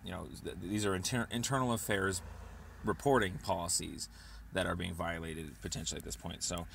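On this recorded call, a man leaves a meandering voicemail, stumbling and pausing but pressing his point. His lowish voice is creaky and fairly bright, with a touch of background hiss or hum.

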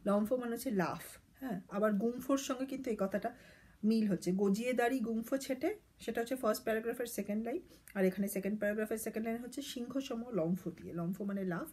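Woman vlogger talking through a poem, husky breathy voice, lots of ums and restarts. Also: on the high side, quick pace, dark tone. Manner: hesitant, many fillers and self-corrections. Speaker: vlogger reading and explaining a poem. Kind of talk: casual explanatory reading.

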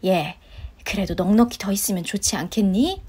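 A woman's voice: medium pitch, animated, moderate pace, darkish tone, breathy edge, pitched below the performer's own voice. A woman voicing a pushy, guilt-tripping older mother-in-law in a story-radio drama, scolding and sighing. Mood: nagging. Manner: scolding, wheedling, sighs of complaint.

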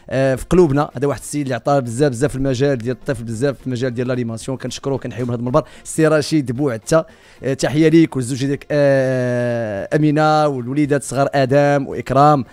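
A man with a Moroccan accent hosting a call-in radio show, joking and teasing a caller and often repeating words in quick bursts. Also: medium pitch, a little mellow, dry recording. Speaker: radio host. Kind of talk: lively call-in radio chat. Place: radio studio.

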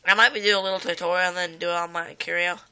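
The voice is a young girl's, a child or early teen, lowish, very fast and steady in tone, pushed and bright yet clear and resonant, though roughened by sickness. She vlogs casual gameplay chat at home by her computer, rambling with frequent "um" and "like" and exclaiming at the game. A phone camera films the screen, and the recording is rough.

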